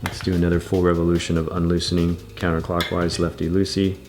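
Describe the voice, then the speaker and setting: A man's voice: deep voice, completely flat delivery, quick pace, over music. A man giving a patient, methodical bike repair tutorial, talking through each step as he works. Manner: patient, methodical, repeats steps.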